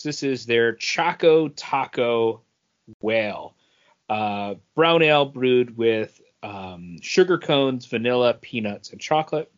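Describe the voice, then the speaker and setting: This male podcast co-host chats informally in a medium-pitched voice with a slightly bright quality. The recording is slightly dull, lo-fi podcast sound.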